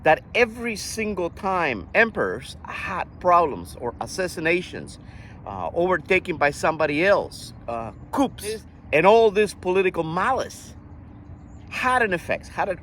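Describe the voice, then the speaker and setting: An older man from Costa Rica talking earnestly in a casual monologue, often halting and restarting his sentences. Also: fairly high pitch, sing-song, a bit bright, a little hiss or hum. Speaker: vlogger.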